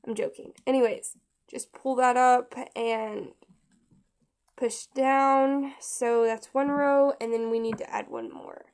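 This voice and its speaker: A woman giving a casual step-by-step craft tutorial, chatty and halting with frequent restarts. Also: fairly high pitch, expressive, darkish tone.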